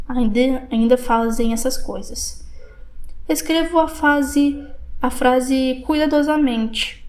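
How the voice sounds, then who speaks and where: A woman with a Brazilian Portuguese accent narrating an audiobook in a measured, reflective first-person reading. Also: on the high side, a little mellow.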